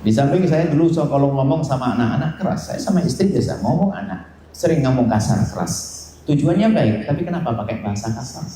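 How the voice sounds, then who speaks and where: A man preaching a sermon with humor, sometimes mimicking people in high, nagging voices. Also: expressive, quick pace, dark tone, slight background noise. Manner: playful, jokes and mimics nagging wives and husbands in high voices. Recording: very echoey hall with faint ambience.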